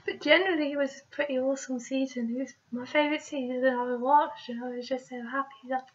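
High-voiced young woman with a cold. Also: fairly even intonation, fast talker. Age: young adult. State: has a cold. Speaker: vlogger. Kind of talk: casual question-and-answer vlog. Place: small room indoors. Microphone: webcam microphone at arm's length. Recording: dull lo-fi laptop webcam audio.

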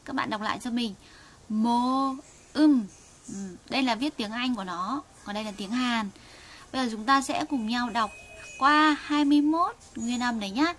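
Woman, Vietnamese teacher of Korean, slightly high voice, patient and clear for learners. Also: fairly bright tone. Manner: slow, patient, drills sounds for students to repeat. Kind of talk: online language lesson, reading aloud for learners.

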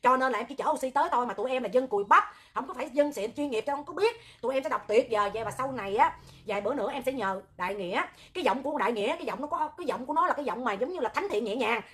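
A woman with a Southern Vietnamese accent hosting a livestream, talking loud, hot-tempered and animated, rambling with joking asides. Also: high-pitched, rapid-fire. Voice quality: loud, piercing voice. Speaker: livestream host, charity oxygen volunteer. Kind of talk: livestream talk to viewers.

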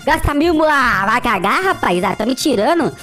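A man with a Brazilian accent voicing a rude, grumbling alter ego of himself in a higher, pinched voice. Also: lively intonation, moderate pace, bright, forceful tone, faint music behind, exaggerated voice. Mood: annoyed. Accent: Brazilian Portuguese.

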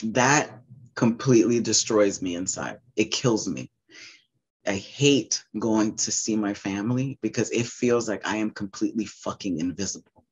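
A man's voice: lowish voice, moderate pace, husky, dull audio. A man in his fifties giving candid, emotional personal testimony in an interview, speaking openly and swearing freely. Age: 50s. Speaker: interviewee, abuse survivor.

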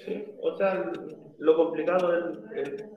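Student guy, short quiet replies, far off and tinny like a phone. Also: fairly high pitch, steady tone, slow pace, roomy sound. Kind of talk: casual classroom remarks. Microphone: video call. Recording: tinny distant phone-like line.

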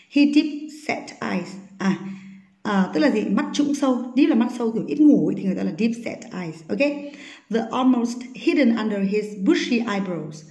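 A woman teaching an English vocabulary lesson. She reads English sentences slowly, explains them quickly and often asks her students check questions. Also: mid-range voice, darkish tone, reverberant.

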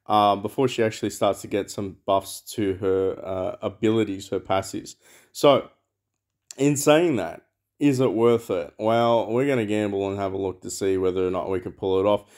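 A man's voice: on the low side, fairly even intonation, normal speed, a little mellow. A man giving rambling, casual commentary over a mobile game, thinking aloud with lots of fillers. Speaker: mobile game channel host.

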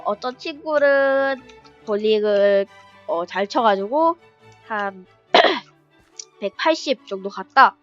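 A woman's voice: medium pitch, fairly bright tone. A woman hosting a gaming channel, talking casually over gameplay in a chatty way, cheering at good moments and often restarting her sentences. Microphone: device mic, screen-recorded voice-over. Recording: slightly muffled with faint background music.

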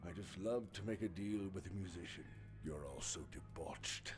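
A man's voice: low voice, normal speed, faint music behind, natural voice. A man playing a sly devil in a video game, grandiose and mocking, with a salesman's patter. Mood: smooth, persuasive. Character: sly, theatrical male devil striking deals. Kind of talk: video game character acting.

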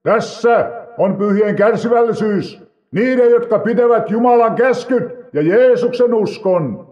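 A man voicing a proclaiming male angel of judgment, declaiming his words slowly and loudly. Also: high-pitched, lo-fi sound, voice pushed up, lightly acted. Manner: declaiming, slow and raised.

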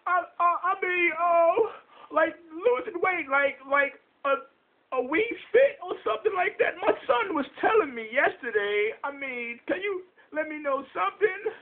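A man's voice: animated, a little slow. A man voicing a frail, folksy great-grandma with a wavering, crying voice on a prank call. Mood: rambling, curious. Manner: frail, folksy, calls people sugar. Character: frail, sugary old granny on a prank call. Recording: muffled low-fi webcam recording.

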